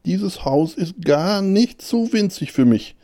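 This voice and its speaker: A man's voice: lively intonation, takes it slowly, warm tone, full character voice. A man reading a storybook, voicing a small, frightened male hare who insists on what he wishes were true. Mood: anxious denial. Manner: high anxious self-reassuring squeaks.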